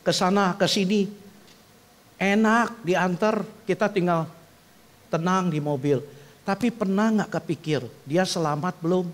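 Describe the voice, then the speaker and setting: High-pitched old pastor, 70s, preaching in church, chatty then gets loud and pushy, asks the crowd questions. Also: male voice, unhurried. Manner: conversational preaching that swells to loud emphatic climaxes; asks the congregation direct questions. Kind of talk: sermon. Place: church building.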